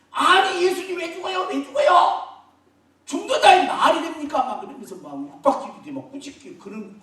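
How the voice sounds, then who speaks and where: A man preaching a sermon in a church, his fairly high voice rising and falling in big swings. He booms one moment and drops low the next while asking the congregation questions. The sound comes from away from the mic and rings through a very echoey hall. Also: distant mic, slight background noise. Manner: animated preaching, swings from loud emphatic bursts to soft asides; asks the congregation questions and jokes with them. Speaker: pastor. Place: church sanctuary.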